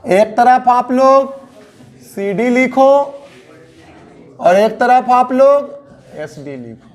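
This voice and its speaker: A man's voice: extremely high pitch, expressive. A man with a Bihari Hindi accent teaching English grammar to a class, coaxing and repeating, drawing out the endings of words. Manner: coaxing, repetitive teaching with drawn-out word endings.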